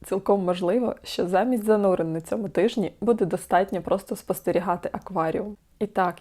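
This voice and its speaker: A woman talking to camera in a self-help video, calm and coaching, asking the listener many questions. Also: on the low side. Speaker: support group host.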